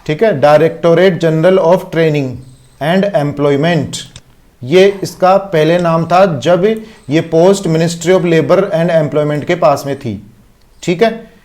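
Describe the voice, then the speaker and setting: A man's voice: fairly high pitch, extremely slow, a little mellow. A man with an Indian accent teaching an online exam-prep lecture, explaining step by step and checking in with constant rhetorical questions.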